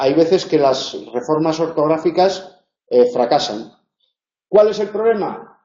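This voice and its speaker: Spanish-accented male lecturer, slightly high voice, explains with dry humour and many "eh"s, recorded far off-mic in an echoey classroom. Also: warm tone. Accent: Spain. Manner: explanatory, wry asides, frequent "eh" fillers. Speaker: university lecturer. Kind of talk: lecturing on spelling rules. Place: classroom tutorial. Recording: echoey room, voice off-mic, dull lo-fi sound.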